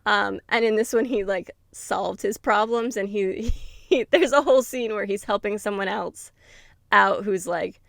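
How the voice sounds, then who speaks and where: Gravelly-voiced woman chatting casually. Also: medium pitch, unhurried, a bit bright, no room sound, clean studio sound. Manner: chatty, many fillers, laughs while retelling. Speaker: podcast co-host. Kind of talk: casual book review chat.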